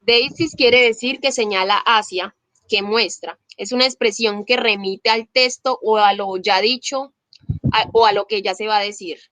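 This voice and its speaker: A woman's voice: medium pitch, moderate pace, fairly bright tone. A woman with a Colombian Spanish accent, a student reading a text aloud on a video call. She answers her teacher politely.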